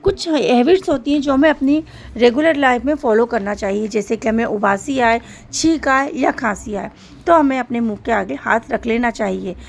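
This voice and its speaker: A woman's voice: fairly high pitch, moderate pace, vocal fry. A woman narrating a children's story and explaining its moral in an instructive way.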